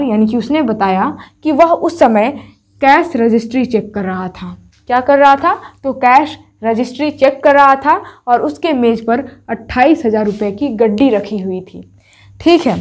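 Brief: woman teacher with a high, bright pitch, talking students through a story chapter, restating every point. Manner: repeats each point and asks herself rhetorical questions; addresses students directly, telling them to take screenshots. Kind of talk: explaining a story chapter in an online class.

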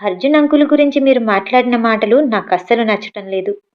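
A woman's voice: a little high, a little fast, muffled recording, close to an everyday voice. A woman reading an audio story voices a college-age daughter who talks earnestly and stands her ground. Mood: firm.

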